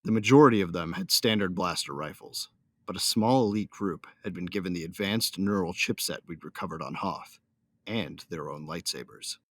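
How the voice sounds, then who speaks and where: This deep-voiced man, slightly bright in tone and speaking at normal speed, plays a devoted young starship captain telling his own tale in a sci-fi audio drama. The character is a newlywed, a loyal son of smugglers, and a devoted husband, voiced earnestly and tenderly as both narrator and character. The recording is dry.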